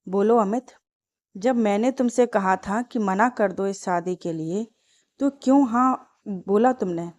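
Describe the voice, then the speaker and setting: A woman's voice: mid-range voice, measured pace, a little mellow, natural voice. A woman voicing a grieving, resentful young wife in a storybook tale. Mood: bitter.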